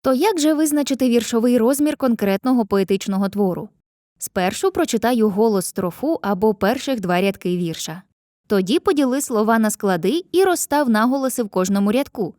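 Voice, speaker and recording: A woman's voice: on the high side, animated, a little mellow, no echo. Woman narrating a lesson, dry sound. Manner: clear, addresses the viewer directly, chants rhymes slowly. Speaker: teacher. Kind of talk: scripted educational narration.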